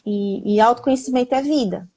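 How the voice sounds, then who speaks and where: A woman's voice: on the high side, fairly quick, mellow. A woman speaking as a guest in a casual live conversation, explaining with frequent restarts and acted-out little quotes.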